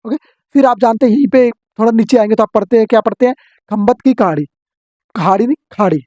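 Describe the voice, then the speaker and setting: Fast-talking male teacher, dull lo-fi sound. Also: extremely high pitch, warm tone, dry recording. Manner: drilling with quick questions and answers. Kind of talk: exam-prep geography lesson.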